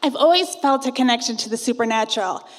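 A woman's voice: on the high side, fast talker, in a large hall. A woman in her thirties from Iowa, narrating a personal ghost story in a wry, conversational way. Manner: wry, conversational, self-teasing.

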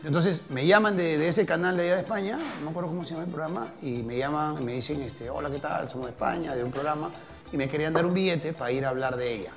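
A chatty middle-aged man with a Callao Peruvian accent spins his stories at a quick clip, laughing as he goes and slipping into the voices of the people he quotes. His voice sits a little high for a man. Loud music plays behind him. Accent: Peruvian Spanish, Callao. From Peru. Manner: laughing, animated storyteller, plays out quoted dialogue. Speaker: interview guest. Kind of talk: casual storytelling interview.

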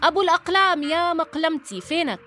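A woman's voice: extremely high pitch, lively intonation, fast, sharp tone, faint music behind. A woman with a Jordanian Levantine accent, a podcast co-host chatting casually in an opinionated, teasing, argumentative way. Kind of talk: casual conversational banter.

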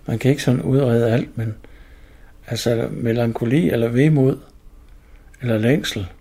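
A man's voice: medium pitch, warm tone. A man in his sixties, an author and collector, talking in a reflective, rambling way with many restarts. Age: 60s. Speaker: author and stone-age collector. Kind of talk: casual interview talk.

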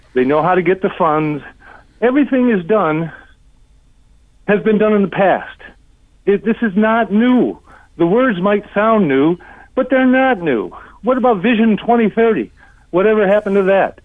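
A man's voice: high-pitched, no room sound. An older man calling in to a radio show over a phone line, blunt and exasperated. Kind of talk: call-in comment on a talk show.

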